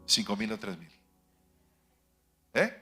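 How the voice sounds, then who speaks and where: Bright-voiced pastor preaching emphatically. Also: male voice, lowish voice, big pitch swings, slow pace, soft background music. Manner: emphatic preaching, rhetorical questions to the congregation; swings between loud declarations and hushed asides. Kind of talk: sermon. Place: church sanctuary.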